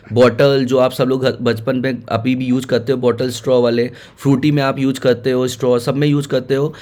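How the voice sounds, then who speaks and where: A man's voice: medium pitch, a little mellow. A man teaching, walking students through exam questions and repeating key points as he mixes in English terms.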